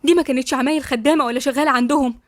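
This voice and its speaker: A woman voicing a jealous young woman who shouts and shrieks, speaking with an Egyptian accent. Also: fairly even intonation, rapid-fire, no echo, studio quality, lightly acted. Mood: furious, shocked. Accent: Egyptian Arabic. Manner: shrill, shouting.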